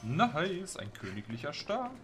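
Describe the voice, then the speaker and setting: A man's voice: fairly high pitch, sing-song, unhurried, over music. A man giving casual, playful, slangy gameplay commentary, often talking to himself and the game. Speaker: let's player. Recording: clear background game noise. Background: game ambience.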